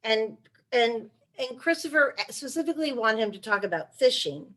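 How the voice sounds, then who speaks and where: In a video call interview, a female author and one-time chief of staff reads letters aloud, measured like a storyteller. Her pitch is fairly high, her tone fairly bright, and her intonation lively.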